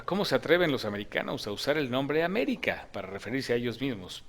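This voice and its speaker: A man narrating a scripted opinion video in a lecturing, argumentative manner. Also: on the low side.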